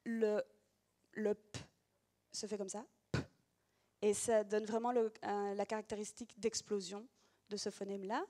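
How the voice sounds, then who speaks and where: A woman's voice: medium pitch, little pitch movement, normal speed, dark tone. Woman teacher explaining gestures for sounds, patient, lots of little hesitations. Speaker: teacher demonstrating reading gestures. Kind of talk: explanatory demonstration.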